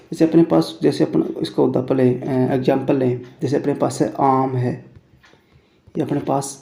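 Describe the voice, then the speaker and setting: A man teaching Hindi grammar in a classroom lesson, repeating phrases slowly and calling his listeners friends. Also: medium pitch, gravelly, dark tone. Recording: echoey room.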